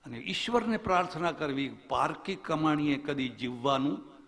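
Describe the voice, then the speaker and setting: A male swami preaching a spiritual discourse, telling stories and asking his listeners rhetorical questions. His fairly high voice has a gravelly edge. A long reverb rings around him, as in a lecture hall. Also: animated, normal speed, a bit bright. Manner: storytelling preacher with rhetorical questions and acted quotes. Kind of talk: religious discourse.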